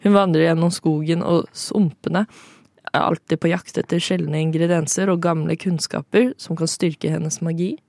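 Hesitant young woman with a gravelly voice. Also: low voice, steady tone, darkish tone, no echo, clean studio sound. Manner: hesitant, many fillers and laughs. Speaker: radio co-host. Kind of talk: casual radio chat.

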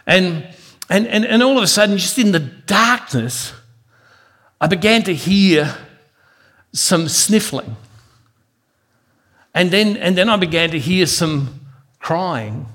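A man's voice: high voice, lively intonation, slow, pauses often, a bit bright. Earnest man preaching a devotional sermon. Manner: earnest, repeats words as he builds a point. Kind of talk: devotional sermon with personal storytelling.

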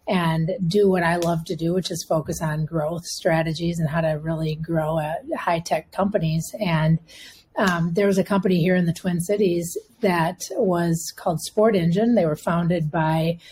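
A woman's voice: fairly low pitch, steady tone, normal speed, darkish tone, slight background noise. A woman in her fifties with a Minnesota accent, a healthcare executive answering podcast interview questions conversationally, with frequent restarts and fillers.

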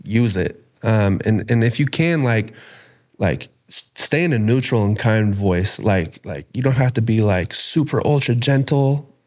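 A man's voice: fairly low pitch, lively intonation, a little slow, a little mellow. A man in a casual podcast discussion, talking in a laid-back, slangy way with lots of fillers.

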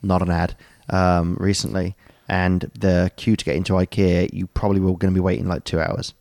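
On a podcast, a male co-host with a very low, creaky, darkish voice rambles through a casual story in a flat delivery, filling pauses with ums and throwing in jokey asides. The recording is dry and close, with no room sound or echo.

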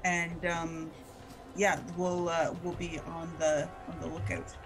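A woman's voice: fairly low pitch, little pitch movement, slow pace, music in the background. A woman playing a tabletop game, talking casually and hesitantly, with many stumbles and restarts. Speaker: player.

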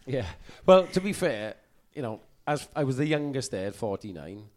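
A man's voice: medium pitch, sing-song, normal speed, a little mellow. A man in his forties, hosting a podcast and telling stories in a jovial, chatty way. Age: 40s. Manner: jovial storyteller. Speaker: podcast host. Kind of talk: casual podcast chat.

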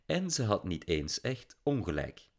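A man's voice: low-pitched, big pitch swings, a little slow, a little mellow. A man reading a novel aloud as narrator, telling the story expressively. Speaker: audiobook narrator. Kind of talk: scripted narration.

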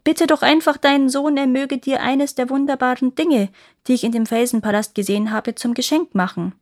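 A woman's voice: high voice, fairly quick, pitched above the performer's own voice, natural voice. A woman voicing a scheming old witch who talks persuasively. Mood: sly.

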